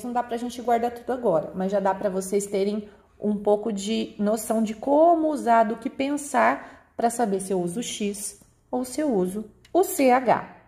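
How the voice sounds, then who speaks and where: A woman with a Brazilian accent teaching young pupils a remote lesson, patiently slowing down to spell out example words. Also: a little high, darkish tone. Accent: Brazilian Portuguese. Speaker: primary school teacher.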